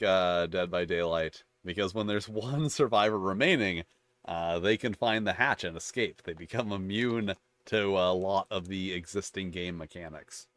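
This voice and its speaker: A man with a low voice works through a page of game rules, reading each one out and then wandering into loose, talky asides full of restarts. His voice sits dry and close, with no room sound around it. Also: fairly bright tone, no echo. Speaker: channel host reviewing tabletop games. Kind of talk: casual commentary reading rules aloud.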